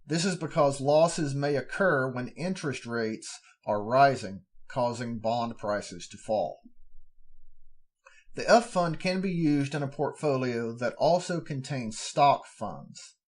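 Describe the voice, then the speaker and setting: A man's voice: mid-range voice, animated, slow pace. A man hosting a podcast, steadily reading formal fund descriptions aloud and breaking off now and then for plain spoken asides. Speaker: podcast host.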